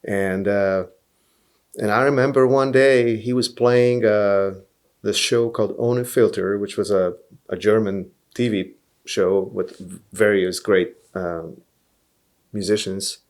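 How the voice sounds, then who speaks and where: A Hungarian blues musician, appearing as a podcast guest, tells stories in a relaxed interview. His low voice is steady and a little mellow, and he takes things slowly. He comes across as earnest, repeating words while he gathers his thoughts.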